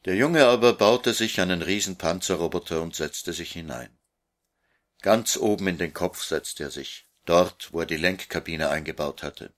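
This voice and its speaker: A man reads a children's storybook aloud in a low voice. His pace is measured and his narration is plain. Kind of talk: storybook reading.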